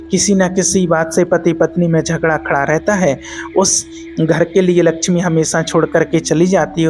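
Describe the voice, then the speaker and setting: A soft-spoken, patient merchant gently coaxes his wife to stop quarreling, as a male storyteller voices him. He talks in an even, calm way with a fairly high male voice. Faint music runs quietly beneath. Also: lightly acted. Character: gentle, patient merchant husband, middle-aged man.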